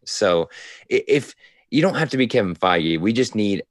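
A man's voice: on the low side, animated, normal speed, dry recording, clean studio sound. A man guesting on a casual podcast, talking emphatically and enthusiastically in agreement.

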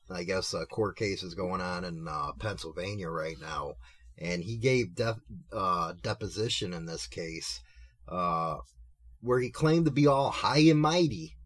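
A man hosting a talk show in casual, opinionated chat, swearing freely in a mocking way. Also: on the low side. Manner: profane, mocking.

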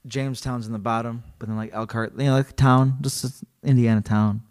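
In a casual podcast chat, a man with an ordinary medium-pitched voice reads a story aloud to his co-host, talking a little fast. He's animated, cracks jokes along the way, and laughs often.

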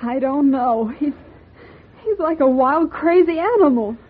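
A woman's voice: high voice, lively intonation, a little slow. A woman playing a frightened, polite young ranch woman in a radio western drama. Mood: frightened, hesitant. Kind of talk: old-time radio western acting. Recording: tinny, faintly hissy vintage radio recording.

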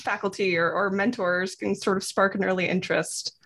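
A woman hosts an interview podcast in a husky voice of medium pitch. She speaks conversationally and encourages her guests. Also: steady tone, fairly quick, fairly bright tone. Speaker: podcast host.

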